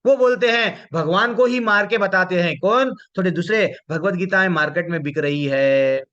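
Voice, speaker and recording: A man's voice: high voice, moderate pace, fairly bright tone. A man teaching a devotional scripture class, posing rhetorical questions and reciting Sanskrit verses. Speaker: Bhagavad Gita teacher. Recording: dull lo-fi recording.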